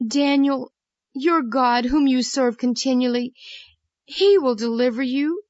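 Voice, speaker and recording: A woman's voice: high voice, unhurried, a little mellow, no room sound, pitched above the performer's own voice. A woman voicing a solemn, grieving ancient king in a children's Bible story, with a raised pleading voice. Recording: dull lo-fi, dry.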